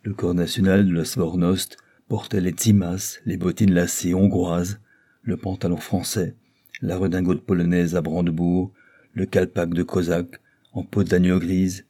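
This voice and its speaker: Deep husky man reading a novel. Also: level tone, a little slow, warm tone. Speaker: audiobook narrator. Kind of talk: scripted novel narration.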